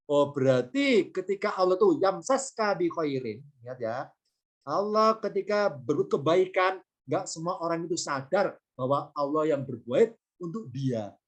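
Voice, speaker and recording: A man's voice: on the high side, sing-song, a little slow. A man teaching Quranic grammar in an informal lesson, explaining patiently through repeated points and everyday examples. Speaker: Islamic teacher.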